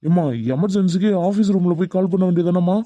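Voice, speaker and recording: A man voicing a strict middle-aged college lecturer in an animated cartoon, scolding students and demanding answers. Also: high-pitched, fast, no room sound, close to an everyday voice. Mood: stern.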